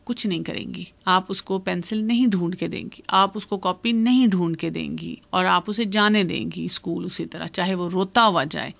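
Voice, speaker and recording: A woman speaking as an expert guest on a radio program, calmly explaining parenting advice with everyday examples. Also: fairly low pitch, creaky, no room sound.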